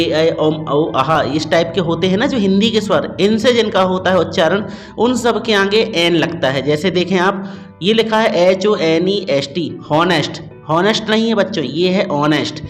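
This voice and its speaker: A man teaching a grammar lesson, explaining step by step to students and checking understanding often. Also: high voice. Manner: addresses students as "bachcho".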